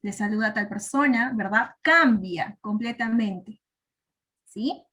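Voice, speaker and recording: A woman's voice: mid-range voice, takes it slowly, fairly bright tone. A woman teacher giving a patient classroom explanation, often stopping to check that her students follow. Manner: patient, checks understanding with frequent tag questions.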